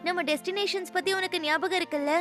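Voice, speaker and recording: A bubbly adventurous anime schoolgirl, very high voice, upbeat, background music. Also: fairly even intonation, fast talker, a bit bright. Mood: encouraging. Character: carefree adventurous schoolgirl, cheerful and bold. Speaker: new classmate. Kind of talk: Tamil anime dub acting. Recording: dub over background music.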